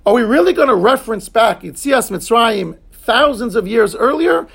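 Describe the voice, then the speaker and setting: A man's voice: very high-pitched, expressive, creaky, a bit bright, breathy edge. A man teaching a Talmud class, explaining each term in English and answering his students. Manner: explains terms in English, quick asides to students.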